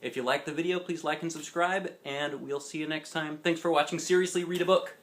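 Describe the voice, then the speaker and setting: This man's voice is on the high side, fairly quick, a bit bright, and fairly even in intonation. He narrates a children's picture book the way a dad would, expressive and dramatic, with chatty asides asking the listener questions.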